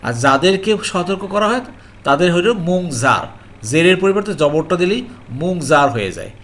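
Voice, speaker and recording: A man teaching an online Arabic grammar lesson on the Quran in a Bangladeshi Bengali accent, explaining slowly and repeating points while checking that viewers understand. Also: sits high, very animated, a bit bright. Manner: slow, repetitive explanation with frequent "ji" and "alhamdulillah"; addresses viewers as "priyo mohtaram" and checks understanding.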